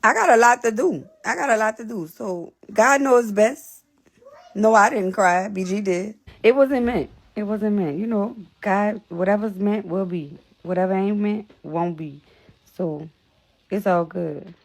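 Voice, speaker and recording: A young woman chatting straight to her livestream viewers, blunt and salty, circling back on the same words. Her voice has a gravelly fry underneath, and she is a little short of breath. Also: medium pitch, a little slow. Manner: blunt, repetitive, profane. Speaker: livestream host. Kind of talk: casual livestream talk to viewers.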